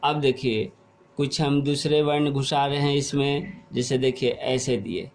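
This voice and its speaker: Slow, patient male teacher. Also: medium pitch, fairly even intonation, soft background music. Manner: slow and explanatory, asks questions and repeats answers. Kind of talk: classroom lesson.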